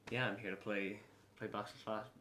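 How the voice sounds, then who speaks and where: A low-voiced young man with a west of Ireland accent, speaking casually as a player being interviewed. He pauses often to find his words. The room is echoey, with faint noise behind him. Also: flat delivery, bright, forceful tone. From Galway, west of Ireland.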